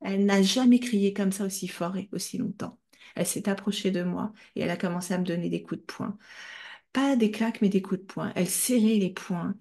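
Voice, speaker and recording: A woman's voice: mid-range voice, brisk, a little mellow. A woman hosting a book club, reading a novel aloud with dramatic, emotionally charged delivery.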